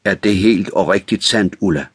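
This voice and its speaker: A man voicing a simple, childlike and remorseful man in an audiobook, speaking in a halting, stammering way. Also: deep voice, husky, dry recording, studio quality. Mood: pleading. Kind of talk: audiobook reading.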